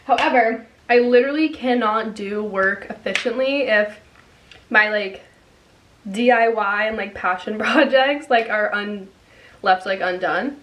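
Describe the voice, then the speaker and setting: A woman's voice: medium pitch, a little slow, fairly bright tone, slight background noise. A young adult woman chatting casually in a vlog, filling her talk with "like.". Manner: chatty, says "like" a lot. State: out of breath. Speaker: vlogger.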